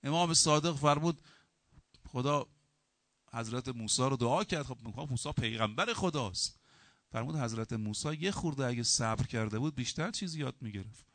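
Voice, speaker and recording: A middle-aged man preaching a sermon as a cleric, telling humorous anecdotes and moving between loud emphasis and quieter asides. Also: mid-range voice, no room sound. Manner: lively storytelling with humor, acting out quoted dialogue.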